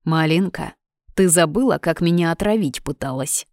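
Audiobook figure: woman doing a brash young man who teases and bosses, lowish voice, dry close sound. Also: normal speed, a little mellow, dry recording. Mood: teasing. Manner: teasing, bossy. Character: cocky teasing young male student.

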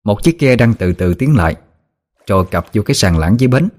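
Một người đàn ông giọng miền Nam kể truyện ma dân gian như sách nói, giọng mộc mạc, sinh động. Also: male voice, lowish voice, expressive, fairly quick, darkish tone. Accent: Southern Vietnamese. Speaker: storyteller. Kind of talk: audiobook narration.

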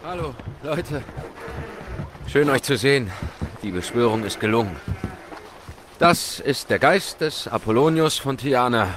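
A man's voice: medium pitch, lively intonation, measured pace, long pauses, noisy background, close to an everyday voice. An actor playing a grave, intense hero who narrates his supernatural ordeal in a horror audio drama. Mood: relieved resolve. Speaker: narrator and protagonist. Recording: loud music behind the voice.

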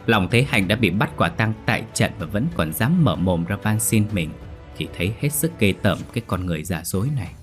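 Lively low-voiced male horror narrator. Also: a little fast. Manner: expressive, vivid storytelling. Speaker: storyteller. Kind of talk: dramatic horror story narration. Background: soft background music.

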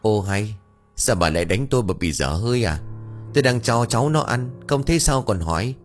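A man playing a kindly, stubborn village man near fifty who coaxes a child gently and bickers with his wife. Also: fairly low pitch, lively intonation, fairly quick, soft background music, lightly acted. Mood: coaxing.

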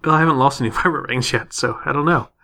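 A man's voice: mid-range voice, fast talker, vocal fry, bright, forceful tone. A man playing in a tabletop game podcast, joking casually and laughing often.

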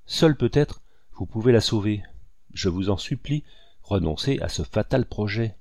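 A man's voice: fairly low pitch, lively intonation, unhurried, a little mellow, no echo, clean studio sound. A man reading aloud voices a distraught male planter who pleads urgently for his daughter's sake. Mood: pleading.

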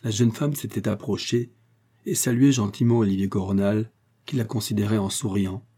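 Low, dark-voiced male narrator. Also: steady tone, moderate pace, breathy edge. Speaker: audiobook narrator. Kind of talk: scripted narration.

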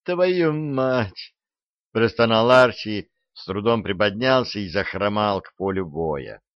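A man reading a fantasy audiobook in a measured, expressive narration, in a dull, dry recording. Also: fairly low pitch, no echo.

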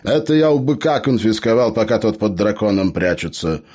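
A man voicing a chatty, scheming male dwarf in an audiobook, with an eager and persuasive manner. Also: a little fast. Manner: eager, persuasive, high excited voice.

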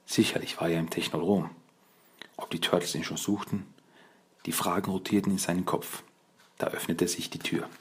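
A man reading a children's audiobook as narrator, in measured storytelling. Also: sits low, steady tone, husky.

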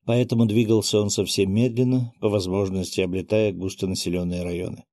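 A man narrating a first-person audiobook in a steady, even reading. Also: on the low side, fairly quick, no room sound, studio quality.

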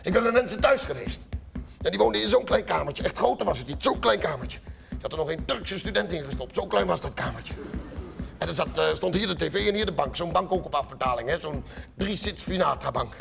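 High-voiced, gravelly male comedian, rhythmic chant-like monologue. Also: expressive, fairly quick, music in the background. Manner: rhythmic, repeats chant-like sounds. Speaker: cabaret performer. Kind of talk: comic stage monologue.

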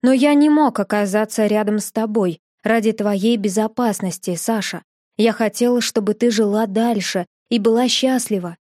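A gentle, remorseful young man speaks low and tenderly, as a woman reader voices him. The tone is mellow and dark, and the recording is close and dry, with no room around it. He sounds protective and quiet rather than forceful. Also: normal speed, no echo, lightly acted. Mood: confessional.

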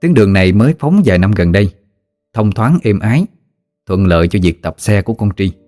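A man with a Southern Vietnamese accent narrating a ghost story in a lively, folksy storytelling manner. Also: on the low side, fairly quick, no room sound, soft background music.

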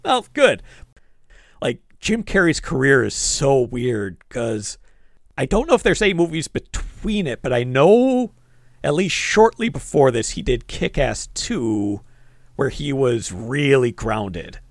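A man co-hosting a casual movie-review podcast, animated and quick to react. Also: mid-range voice, dry recording, clean studio sound. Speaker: podcast co-host.

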